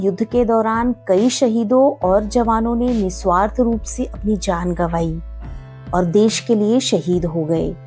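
A woman's voice: medium pitch, mellow. A woman narrating a travel vlog voice-over in a formal, reverent tone, often turning to the viewers as friends.

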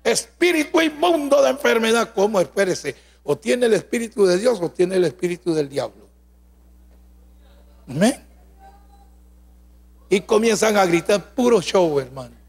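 A man preaching a sermon at a convention, fervent and storytelling, calling out to his listeners and at times bursting into shouts. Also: high-pitched, expressive, unhurried, pauses often, slightly rough. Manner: fervent, tells healing stories, calls out "amén" and "hermano". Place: large hall at a preaching convention. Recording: long hall reverb.

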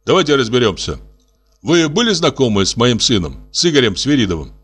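A man's voice: mid-range voice, big pitch swings, fairly quick, a bit bright, breathy edge. A man voicing a big, serious and courteous grandfather in a storybook reading. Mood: polite. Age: older. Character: large dignified grandfather, polite and calm.

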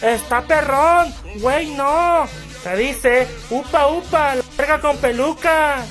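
A woman's voice: fairly high pitch, pitched above the performer's own voice. A woman doing a brash barrio girl. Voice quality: brassy, loud, slangy. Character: brash working-class barrio girl, loud and crude. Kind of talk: comedy sketch.

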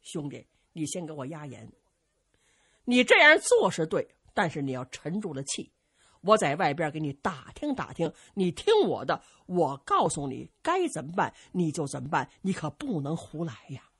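A woman voicing a steady older village man who speaks slowly and gravely as a calm advisor. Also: medium pitch, dry recording, clean studio sound, full character voice. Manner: slow, measured, grave.

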